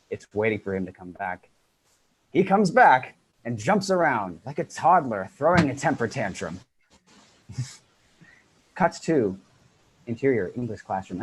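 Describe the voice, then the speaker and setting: A man reading stage directions in a brisk, matter-of-fact way at an unrehearsed script read-through. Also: medium pitch, husky, low-quality recording.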